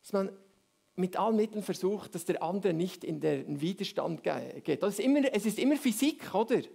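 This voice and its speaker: A man's voice: sits high, animated, a little fast, vocal fry, a little mellow, husky. A man preaching a sermon, explaining step by step and often checking in with "oder?".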